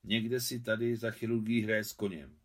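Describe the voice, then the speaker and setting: A man reading aloud, voicing an eager, lively male professor. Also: on the low side, lightly acted. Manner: eager and pleading.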